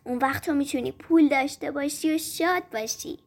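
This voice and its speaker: A woman voicing a gentle, loving old tree in a storybook reading, speaking softly and tenderly. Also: sits high. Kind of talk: storybook narration.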